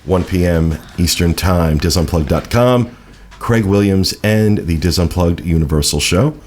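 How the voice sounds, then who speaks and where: A man hosting a casual podcast, chatty and reading out event listings with quick asides. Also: sits low, darkish tone, slight background noise. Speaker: podcast host.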